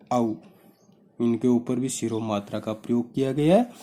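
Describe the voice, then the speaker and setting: A man's voice: on the low side, warm tone. A man teaching a grammar lesson, explaining step by step and putting questions to his students.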